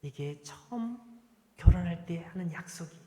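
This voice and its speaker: A man from Korea preaching a Sunday sermon in a church, earnest and emphatic, slowing down to stress each point. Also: fairly high pitch, expressive, mellow. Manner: earnest, emphatic preaching with slowed, drawn-out lists. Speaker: pastor. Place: church sanctuary. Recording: echoey hall reverb.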